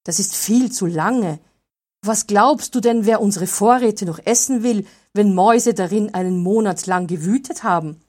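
A woman voicing a gruff man who snaps at others in a read-aloud fairy tale. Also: mid-range voice, moderate pace, a little mellow, lightly acted. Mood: angry. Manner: snapping, growling. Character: gruff, harsh male steward of a count.

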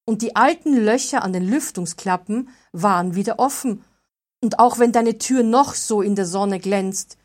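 A woman voicing a loud, complaining village maid in a read-aloud fairy tale. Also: medium pitch, moderate pace, natural voice. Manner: loud, whiny scolding.

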